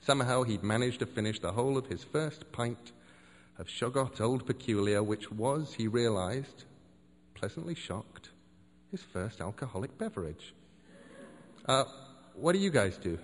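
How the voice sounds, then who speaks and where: A man's voice: medium pitch, expressive, normal speed, in a large hall. A man reading a comic story aloud in a dry, wry narrating manner.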